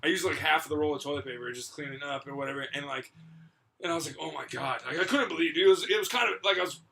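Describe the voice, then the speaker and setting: Bright-voiced young man telling a story. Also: a little high, rapid-fire, vocal fry. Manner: animated, laughing, peppered with "dude" and "like". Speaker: podcast host. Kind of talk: casual storytelling chat.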